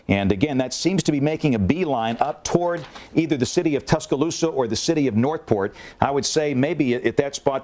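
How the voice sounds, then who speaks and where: A man anchoring live severe weather coverage, urgent and deliberate, repeating key warnings. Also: mid-range voice, darkish tone.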